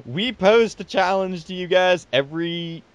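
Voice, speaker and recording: A man's voice: sits high, unhurried, clean tone, dry recording, lo-fi sound. A young man hosting a casual gaming podcast, joking and stumbling over his words. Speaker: podcast host.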